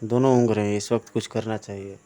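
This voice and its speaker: A man voicing a determined male hunter who vows revenge in a low, quiet tone in a comic audio story. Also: fairly even intonation, quick pace, clean tone, close to an everyday voice. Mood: vengeful. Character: grim vengeful male hunter, father of a family.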